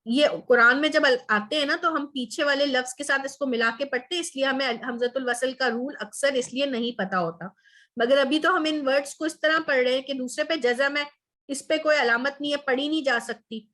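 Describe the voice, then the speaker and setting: A woman's voice: high-pitched, fairly bright tone. A woman teaching a Quran Arabic class online, explaining step by step and checking in with her students often.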